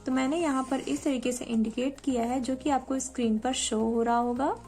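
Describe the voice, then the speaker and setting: A young woman training to teach, walking viewers through a lesson plan in an explanatory tutorial style and reading quoted English lines slowly and deliberately. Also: high voice, steady tone, a little mellow, soft background music. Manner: explanatory, addresses viewers directly. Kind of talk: spoken tutorial walkthrough.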